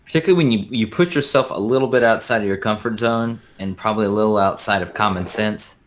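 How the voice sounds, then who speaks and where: A man's voice: on the low side, fast, slight background noise. A man joining a live stream as a guest drone pilot, explaining things in a friendly way over a video call, with hesitant uhs. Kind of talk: casual video-call chat.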